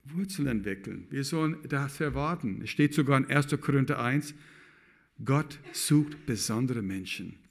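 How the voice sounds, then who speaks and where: Man preaching a lively sermon. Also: medium pitch, normal speed. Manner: lively, addresses the congregation with questions; loose, broken grammar with restarts. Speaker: pastor. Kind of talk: sermon to a congregation.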